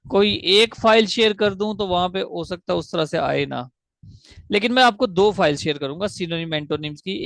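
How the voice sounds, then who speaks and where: A man teaching an online English grammar class, explaining step by step, slowly spelling out syllables and asking the class questions. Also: high voice, gravelly, a bit bright, no room sound.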